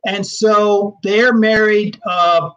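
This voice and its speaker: Measured male historian, fairly high voice. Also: fairly even intonation, fairly bright tone, dull audio. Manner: measured, explanatory, with frequent fillers. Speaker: historian and genealogist guest. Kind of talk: explaining history over slides in an interview.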